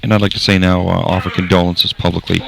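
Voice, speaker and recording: A man with a Wisconsin accent calls a live sporting event in a relaxed, explaining way, pausing often to find his words. His voice sits very low and has a gravelly edge. Clear background noise runs under the broadcast. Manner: relaxed, explanatory, frequent hesitations. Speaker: commentator. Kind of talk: sports commentary. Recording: noisy broadcast feed.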